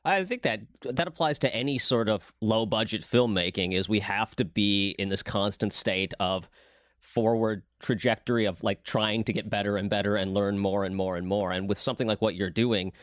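A man's voice: on the low side, normal speed, no room sound, studio quality. A man hosting a casual conversation, telling stories with enthusiasm. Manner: enthusiastic, storytelling.

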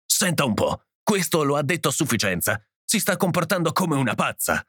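An irritated husband speaking in short, clipped lines, as a man reads him. His pitch stays lively as he argues. The recording is dry and close. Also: fairly quick, husky, no echo, heavily acted. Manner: curt, clipped. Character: curt, irritated husband defending his home.

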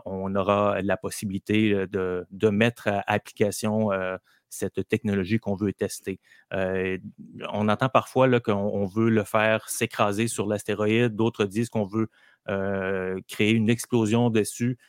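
Hesitant low-voiced man. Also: no room sound, studio quality. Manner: hesitant, many fillers and restarts. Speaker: radio columnist. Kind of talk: casual radio commentary.

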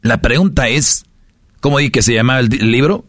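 A man's voice: mid-range voice, brisk, a bit bright, no room sound, studio quality. A man with a Mexican Spanish accent hosting a casual podcast, lecturing his listeners with rhetorical questions. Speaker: podcast host.

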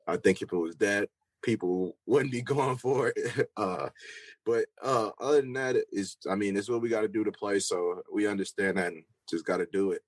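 Low-voiced young man, dry sound. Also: moderate pace, dry recording, poor audio. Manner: loose, rambling, with many fillers and restarts. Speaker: football player guest. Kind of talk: casual interview answers.

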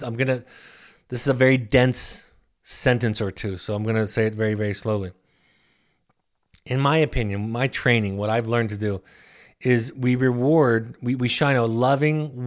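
Earnest man repeating his words. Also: medium pitch. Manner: earnest, stumbles and repeats words, slows for emphasis. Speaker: therapist. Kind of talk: answering listener questions on a broadcast.

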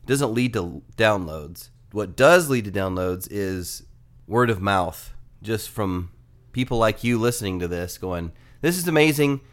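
A man's voice: deep voice, measured pace. Nasal, joking podcast host man. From Atlanta area. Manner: joking, conversational, asides. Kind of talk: casual promo read.

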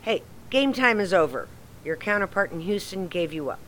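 An eager rookie agent who is excited by her first case, as a woman plays her. She has a sarcastic streak. A faint rumble hums under her voice. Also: normal speed. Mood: stern. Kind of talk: amateur audio drama acting.

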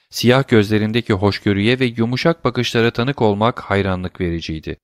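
A man narrating a classic novel as an audiobook in a measured, steady reading. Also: fairly low pitch, no room sound, clean studio sound.

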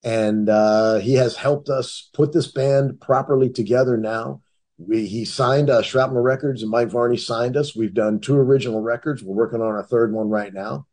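A man's voice: mid-range voice, fairly even intonation, moderate pace, a little mellow. A middle-aged man from the Cleveland and Detroit area, telling his own story in a casual, rambling way with many restarts.

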